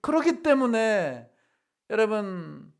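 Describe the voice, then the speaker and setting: Male pastor, gravelly and higher-pitched; dramatic sermon, acts out quotes, big loud-soft swings. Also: sing-song, slow pace. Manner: dramatic sermon delivery, acting out Bible quotes with sudden swings in loudness.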